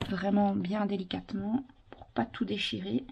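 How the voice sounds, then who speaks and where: A woman's voice: mid-range voice, fairly even intonation, normal speed, darkish tone, highs cut off. A woman presenting an informal step-by-step craft tutorial, giving instructions as she works with her hands. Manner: instructional, talking while working. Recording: clearly noisy with handling clicks.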